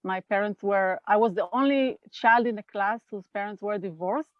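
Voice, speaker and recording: An NVC trainer in her fifties, with an Israeli accent, is the guest in a reflective interview conducted by video call from her California home. Her medium-pitched voice comes across slowly and with care, broken by pauses and fillers. There's no echo, though the high frequencies are missing.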